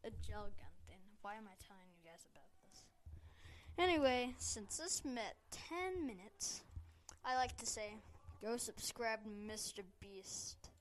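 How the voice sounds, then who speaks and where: Giggly teen girl with a high voice. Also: big pitch swings, a little slow, slight background noise. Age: teens. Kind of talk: casual chat while gaming. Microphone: handheld microphone.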